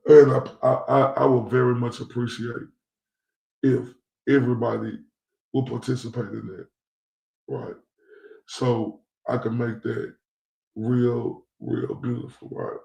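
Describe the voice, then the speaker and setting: A man's voice: mid-range voice, flat delivery, a little slow, gravelly, pauses often, mellow. A man from Dallas, ranting bluntly and profanely as a commentary host. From Dallas, Texas. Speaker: YouTube commentator. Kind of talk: livestream rant. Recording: roomy echoey recording.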